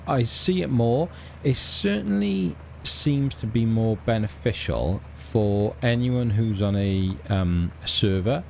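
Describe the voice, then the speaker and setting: A middle-aged Welsh man with a lowish, slightly mellow voice hosts a casual let's play, rambling about his game with plenty of ums and restarts. There's a little background noise.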